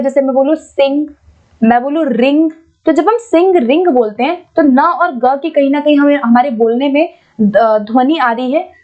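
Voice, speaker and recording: Woman teacher, high voice, goes over exam questions patiently, kinda dull lo-fi audio. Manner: explains patiently, repeats points, keeps checking with "ठीक है"; reads English questions out slowly. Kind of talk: exam-prep lesson.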